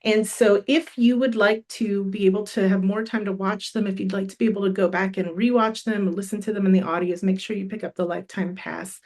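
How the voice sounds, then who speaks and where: A middle-aged woman hosts a live online summit while sick with a cold and losing her voice. Her livestream announcements are friendly and encouraging, punctuated by frequent ums and restarts, in a mid-range voice that's a little mellow.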